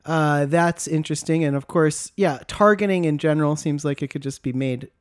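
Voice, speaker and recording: A man's voice: fairly high pitch, normal speed, no room sound, studio quality. A man in a casual podcast discussion, hesitant and a little skeptical, trailing off as he thinks. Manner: hesitant, skeptical, laughs easily.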